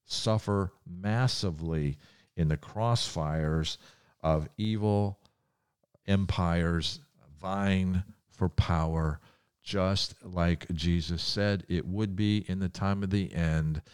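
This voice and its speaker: A man's voice: low voice, slow pace, clear, resonant tone, no echo, clean studio sound. An American man delivering a prophecy sermon with political commentary, speaking in an emphatic, conspiratorial tone of warning. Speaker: preacher giving end-times commentary.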